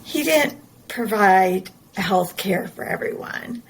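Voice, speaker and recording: Middle-aged woman ranting slow n earnest, kinda gravelly, faint hiss behind. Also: mid-range voice, lively intonation, rough recording. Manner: earnest, emphatic, repeats words, slow deliberate delivery. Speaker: podcast host. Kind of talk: personal monologue.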